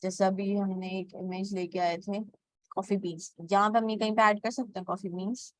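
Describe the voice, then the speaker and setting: A woman's voice: medium pitch, flat delivery, moderate pace, no echo. Woman walking through a design tutorial. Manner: step-by-step, repeats "okay" between steps; mixes English words into Hindi. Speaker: graphic design teacher. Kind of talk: screen-recorded software tutorial.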